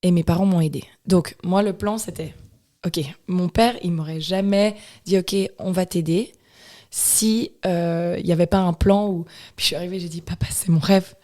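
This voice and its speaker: A young Swiss woman with a Swiss French accent, a dancer chatting as a podcast guest, telling her story with animated restarts. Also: on the low side, moderate pace. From Switzerland. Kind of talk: casual interview chat.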